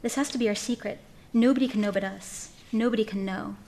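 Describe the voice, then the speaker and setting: A woman's voice: mid-range voice, steady tone, quick pace, warm tone, slight background noise, natural voice. A woman reading aloud, voicing an anxious, earnest young man in a storybook tale, in a pleading, urgent manner. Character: anxious young Irish farm lad, earnest.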